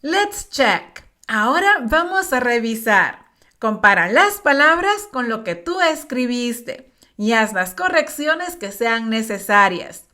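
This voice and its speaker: Bright high-voiced woman teaching pronunciation. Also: very animated. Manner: repeats each word slowly and carefully, encouraging. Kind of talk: slow, clear pronunciation drill for learners.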